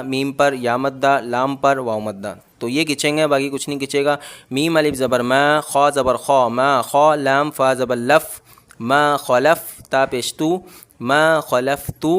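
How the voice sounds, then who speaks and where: A man leads a patient reading lesson, drawing out each sound and blending syllables slowly. His voice is smooth and clear, sitting in a middle pitch. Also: fairly even intonation, fairly bright tone. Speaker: Quran reading teacher. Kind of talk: slow letter-by-letter reading lesson.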